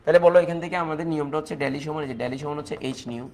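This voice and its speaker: This Bangladeshi chemistry teacher, a man with a Bengali accent, speaks fast in a slightly high, somewhat dark voice with a steady tone. Running a live online exam-prep class, he talks through calculations step by step, repeats points, and answers viewers' comments.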